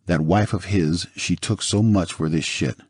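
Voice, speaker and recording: A man's voice: sits low, a little slow, a little mellow, husky, dry recording, studio quality. A man reading the lines of a furious man ranting bitterly and profanely during a fight.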